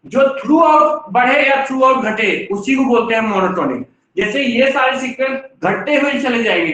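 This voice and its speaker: A man's voice: very high voice, fairly bright tone. A man teaching a math class, walking through each step and asking the class rhetorical questions. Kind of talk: classroom lecture. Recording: distant, echoey room, dull sound.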